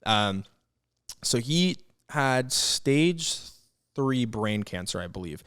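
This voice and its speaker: A man's voice: medium pitch, lively intonation, takes it slowly, fairly bright tone, clear, resonant tone, dry recording, studio quality. A young man co-hosting a podcast, telling a story in a reflective, hesitant way with many fillers. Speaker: podcast co-host. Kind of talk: casual podcast chat.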